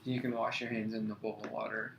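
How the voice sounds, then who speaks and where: Young man reading flatly in roomy echo. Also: lowish voice, fast, gravelly, slight background noise. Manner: stumbling reading with restarts. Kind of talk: reading a class presentation aloud.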